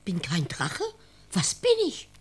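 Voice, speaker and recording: A woman's voice: on the low side, wildly swooping pitch, takes it slowly, vocal fry, slightly rough, soft background music, heavily acted. A woman voicing a tiny winged grandma creature in a radio play, asking eager childlike questions. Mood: puzzled. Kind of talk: radio drama acting.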